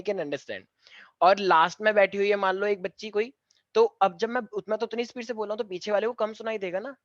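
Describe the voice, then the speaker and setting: A man's voice: high voice, fairly bright tone, dry recording. A man teaching physics to a class, teasing and speaking straight to the students, with English phrases mixed into his lecture. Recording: dull lo-fi classroom recording.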